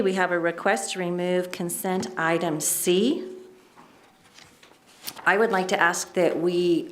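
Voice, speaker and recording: A woman chairing a city council meeting, brisk and procedural with friendly asides. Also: fairly low pitch, slight background noise. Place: council chamber. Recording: echoey chamber mic.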